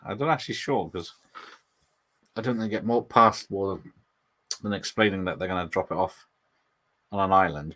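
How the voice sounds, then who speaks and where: A man with a low voice and a fairly bright tone hosts a casual live watch party. He rambles about films, laughs often, and answers his viewers while giving relaxed movie commentary.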